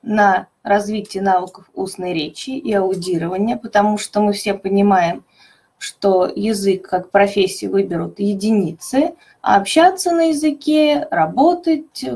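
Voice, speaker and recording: A woman methodologist presenting a teaching webinar, explaining clearly and stressing key words. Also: mid-range voice, moderate pace, a little mellow.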